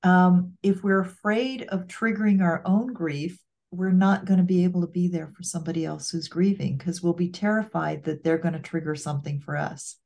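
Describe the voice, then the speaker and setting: A woman's voice: fairly low pitch, normal speed, gravelly, few pauses, darkish tone. A woman co-hosting a casual heart-to-heart conversation, speaking earnestly and reflectively. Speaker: co-host.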